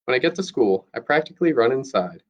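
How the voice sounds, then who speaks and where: Brief: male teacher narrating a storybook, mid pitch, lo-fi recording. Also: big pitch swings, fast, darkish tone. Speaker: teacher reading aloud. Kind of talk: read-aloud storybook narration. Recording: dull lo-fi recording.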